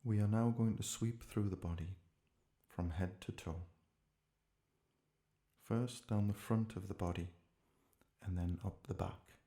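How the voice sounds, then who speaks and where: This guided relaxation meditation comes from a man whose voice sits low. He keeps his phrases short and gentle, with pauses in between.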